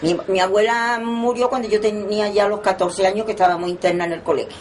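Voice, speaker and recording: A woman tells her memories in a rambling way, often doubling back on her words. Her pitch sits in an ordinary middle range. A faint hum stays in the background. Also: steady tone, fast talker. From Torremolinos, Spain. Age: 90s. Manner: rambling reminiscing with frequent restarts. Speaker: oral history interviewee. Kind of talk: oral history interview.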